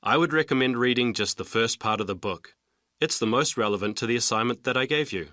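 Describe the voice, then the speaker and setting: A man's voice: medium pitch, a little fast, bright, forceful tone, dry recording, studio quality, close to an everyday voice. A man playing a patient university professor who explains things in a stilted, scripted textbook dialogue. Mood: patient, helpful.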